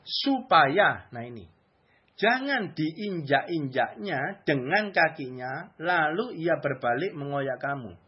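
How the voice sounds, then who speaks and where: A man's voice: fairly high pitch, big pitch swings, takes it slowly, breathy edge, dull audio. A man preaching a sermon in a conversational, colloquial way, often asking rhetorical questions.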